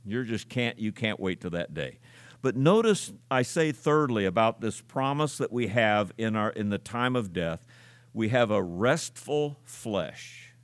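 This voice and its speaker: A man's voice: lowish voice, expressive, measured pace, dry recording. An older man preaching a conversational, folksy sermon. He tells stories and repeats key words for emphasis.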